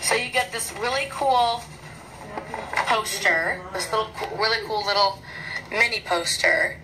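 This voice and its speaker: A woman's voice: mid-range voice, unhurried. Chatty woman vlogging over noisy audio. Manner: chatty, excitable, rambling. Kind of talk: casual unboxing vlog. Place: small bedroom at home. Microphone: phone camera.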